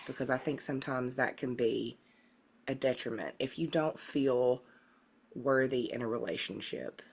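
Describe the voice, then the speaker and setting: A woman with a Southern US accent co-hosting a podcast in casual chat, thinking aloud with fillers and hedges. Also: extremely low pitch. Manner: thoughtful, hedging with fillers. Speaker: podcast co-host.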